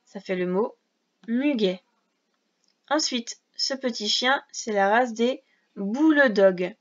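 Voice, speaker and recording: In a dull lo-fi recording, a woman with a slightly high voice speaks at a slow pace. She gives young children a reading lesson, patiently working through syllables and letters one at a time.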